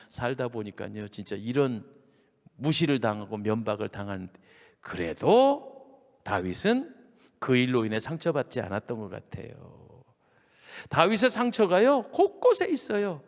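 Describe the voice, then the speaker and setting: A pastor from Chungcheong with a Chungcheong accent, telling a revival sermon in an animated storytelling way, dropping to hushed asides. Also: male voice, on the high side, in a large hall. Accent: Chungcheong Korean. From Chungcheong, Korea. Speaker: senior pastor. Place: church sanctuary.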